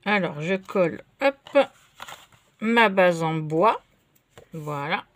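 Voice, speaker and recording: A woman chatting casually while she crafts at her table, relaxed and full of fillers. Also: fairly low pitch, slow pace. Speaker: craft vlogger.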